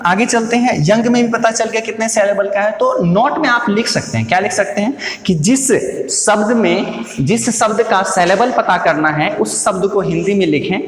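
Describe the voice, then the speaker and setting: A man teaching a grammar lesson, posing questions to his students, answering them himself and repeating key words slowly. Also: sits high. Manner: calls listeners "dear" and "my brother". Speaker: English teacher. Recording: echoey room with long reverb.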